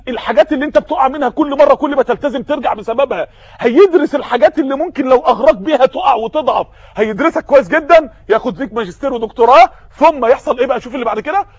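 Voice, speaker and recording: A man's voice: very high voice, no room sound, lo-fi sound. A man with an Egyptian Arabic accent preaching a sermon, impassioned and firing off rhetorical questions.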